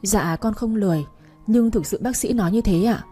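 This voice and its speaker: A timid young wife pleads politely in a mellow, breathy voice, as a woman narrator reads her. Soft music sits underneath. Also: mid-range voice, moderate pace, close to an everyday voice. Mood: pleading.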